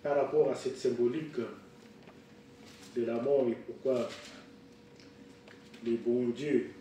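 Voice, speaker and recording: A man in his sixties preaching a sermon, halting with fillers and restarts. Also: medium pitch, steady tone, mellow, slight background noise. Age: 60s. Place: church hall. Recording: echoey room, picked up from far off.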